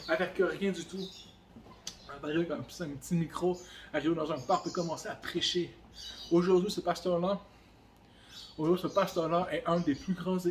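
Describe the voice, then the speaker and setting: A fervent preacher with a high, ringing voice, speaking alone to a camera in a church room. He talks straight at the listener with repeated urgent calls. A faint hum sits under his voice. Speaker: pastor. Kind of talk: sermon. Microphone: camera on a stand.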